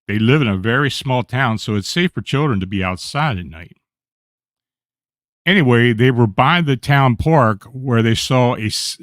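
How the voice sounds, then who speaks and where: A man hosting a radio show, reading eerie accounts aloud in a steady storytelling voice with small slips and self-corrections. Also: medium pitch, no echo.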